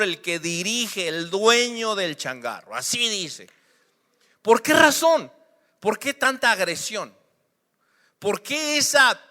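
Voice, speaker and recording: Slow, bright-voiced Mexican pastor preaching. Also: male voice, high voice, in a large hall. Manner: emphatic, preaching in rhetorical questions. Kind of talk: sermon.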